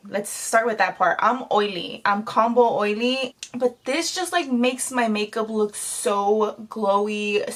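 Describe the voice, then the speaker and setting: A beauty vlogger in her thirties chats with viewers during a casual makeup tutorial filmed at home. Her mid-range voice is a bit bright, and she comes across as talkative and bubbly.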